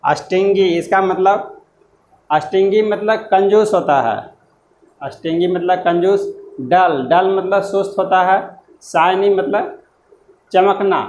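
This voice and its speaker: A man teaching an exam-prep lesson, explaining words slowly and spelling them out letter by letter, with loose, repetitive phrasing. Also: sits high, reverberant, a little hiss or hum, poor audio.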